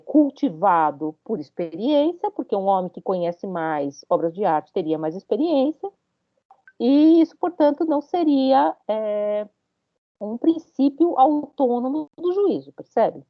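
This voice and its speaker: A woman's voice: mid-range voice, no echo, dull audio. A woman giving a university lecture, talking it through with many hesitant fillers and questions to her students.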